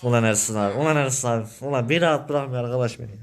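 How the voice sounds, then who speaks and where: A man with a Turkish accent voices his role in a game role-play. He grumbles and complains with a quick, frustrated temper. His voice sits at a middle pitch.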